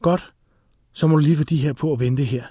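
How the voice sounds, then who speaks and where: Man doing a stern male detective, terse, urgent, slightly husky voice, dry sound. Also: on the high side, dark tone, no echo. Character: tense, commanding male police detective.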